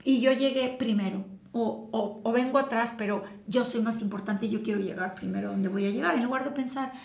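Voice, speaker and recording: Calm reflective woman, roomy sound. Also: on the high side, fairly quick, gravelly. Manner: calm, reflective, explaining with everyday examples. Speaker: podcast co-host. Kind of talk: casual wellness chat. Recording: echoey room.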